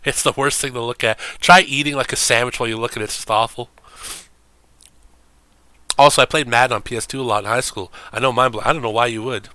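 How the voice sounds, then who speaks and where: A man's voice: mid-range voice, fairly even intonation, quick pace, pauses often, bright, forceful tone, clear, resonant tone, no echo. A man streaming games, talking in a rambling, profane, casual way and laughing often.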